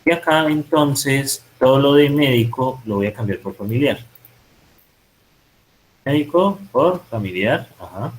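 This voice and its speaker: A man's voice: mid-range voice, animated, a little slow, rough recording. Man talking through code step by step. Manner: thinks aloud, self-correcting while typing code. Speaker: programming instructor. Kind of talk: live-coding tutorial.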